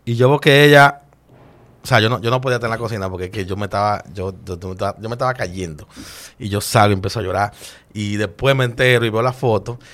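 A man, a chef guest in an interview, telling stories in an animated and emotional way with frequent restarts. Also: on the low side, quick pace. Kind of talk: casual interview storytelling.

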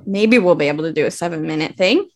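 A woman's voice: fairly low pitch, animated, quick pace, darkish tone. A woman co-hosting a comedy podcast in casual banter, with a crude, joking, foul-mouthed manner. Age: young adult to middle-aged, mother of young children. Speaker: podcast co-host.

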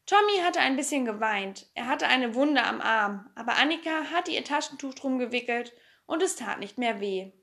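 A woman reads a children's story aloud, with a high voice and a lively, expressive way of telling it. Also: moderate pace, creaky, hardly any pauses. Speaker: audiobook reader. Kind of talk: storybook narration.

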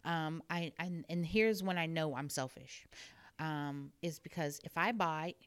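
A middle-aged woman chatting candidly on a podcast, self-deprecating and quick to laugh. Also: deep voice, clear, resonant tone. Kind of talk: casual chat.

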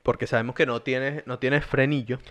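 A man's voice: mid-range voice, fairly even intonation, moderate pace, a bit bright. A Venezuelan man hosting a casual chat, teasing and joking with his co-host.

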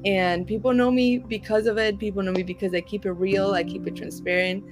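A woman's voice: mid-range voice, fairly even intonation, brisk, over loud music. A woman from Argentina, a youth pastor speaking as a guest in a candid, joking way. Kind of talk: interview conversation.

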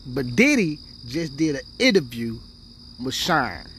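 A man's voice: medium pitch, very animated, a little slow, fairly bright tone, a little hiss or hum. A man hosting his own podcast in loose, boastful street slang, full of profanity and filler tags like "you dig" and "you know what I'm saying". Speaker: podcast host. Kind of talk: casual profane podcast chat. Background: faint crickets and insects.

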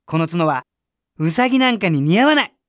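A woman voicing a greedy, sly male deer in a children's storybook reading, talking in a gruff, coaxing way. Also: on the low side, lively intonation, a little fast, no room sound, studio quality, voice pushed down, natural voice. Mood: proud. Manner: gruff and coaxing, then mocking.

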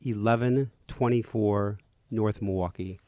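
Older man hosting a radio show, low dark voice. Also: steady tone, a little slow, no echo. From Chicago area. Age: 60s. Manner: chatty, reminiscing. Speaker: radio host, priest. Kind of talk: casual radio talk.

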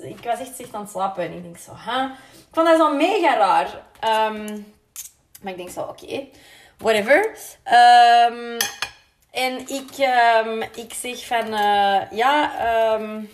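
A woman's voice: a little high, slight background noise. A young woman with a Flemish accent telling a story in a casual, chatty way, full of fillers and acted-out quotes with English swears thrown in.

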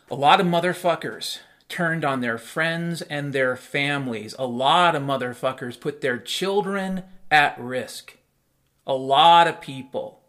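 A middle-aged male talk host delivers a blunt, profane, ranting monologue, repeating phrases for emphatic effect. His voice is fairly high-pitched and a bit bright.

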